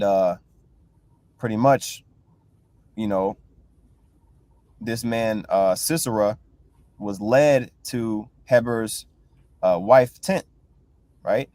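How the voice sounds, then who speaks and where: A man's voice: lowish voice, a little mellow, dry recording. A man leading a casual bible class, reading verses aloud and retelling them loosely, with constant "you know" and "right?" check-ins. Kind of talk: casual scripture teaching.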